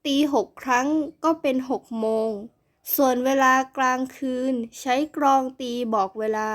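Proud little schoolboy lecturing slow and grown-up, high voice, woman reading him in a storybook. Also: steady tone. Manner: slow, measured, grown-up delivery.

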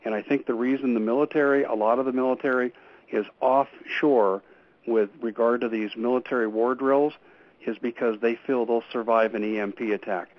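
Radio guest, male, mid-pitched, earnest and urgent, stumbling restarts, muffled lo-fi line. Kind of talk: call-in radio interview. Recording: dull lo-fi radio audio.

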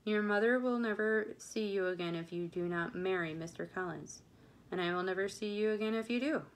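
A woman reading the part of a wry middle-aged father in a novel, with measured, sardonic formality. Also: medium pitch, lightly acted, rough recording. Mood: stern, wry.

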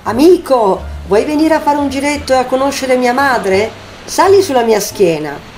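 A woman's voice: high-pitched, lively intonation, normal speed, slight background noise, voice pushed up. Tuttadele, a kind stubborn young whale, a woman voicing her. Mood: tender. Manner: gentle, loyal, stubborn. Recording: loud music bed behind.

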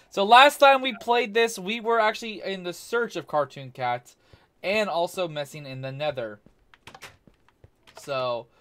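A man's voice: on the high side, fairly bright tone. A young man hosting a casual gaming live stream, loose and joking, swearing at his friends. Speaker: streamer host.

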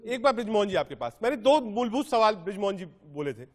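A man's voice: high voice, sing-song, fast. A man anchoring a televised panel debate, repeatedly cutting in to keep the speakers in order. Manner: keeps cutting in to restore order. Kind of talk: moderating a shouting TV debate.

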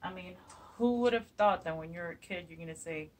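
Her voice on the low side and a little fast, a woman in her forties hosts a craft channel's DIY tutorial at home in her kitchen. She chats upbeat and casually, leaning on plenty of fillers. A phone camera a few feet away captures her from far off, with a little hiss or hum.

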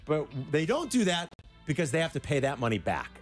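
Animated middle-aged sports radio host. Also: male voice, fairly high pitch, fairly quick, faint music behind. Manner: animated, emphatic, bursts of indignation. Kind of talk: casual sports talk. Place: radio studio. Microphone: studio mic with headphones.

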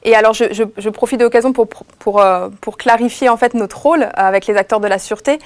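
Woman panelist walking thru an offer, fillers everywhere, higher voice. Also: a little fast. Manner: steady explaining with frequent fillers and restarts. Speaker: expert panelist. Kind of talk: webinar explanation.

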